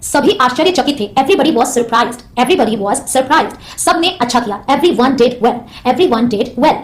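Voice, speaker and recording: High-voiced woman teacher, drilling phrases slowly and explaining them briskly. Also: lively intonation. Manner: repeats each English phrase slowly, explains quickly in Hindi. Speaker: English teacher. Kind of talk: bilingual language lesson.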